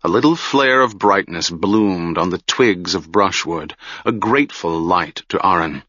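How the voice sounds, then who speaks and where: A man narrates a fantasy audiobook in a slow, deliberate manner. His voice sits low with a forceful brightness, and it sounds dry and close on a dull, slightly lo-fi recording. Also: dry recording.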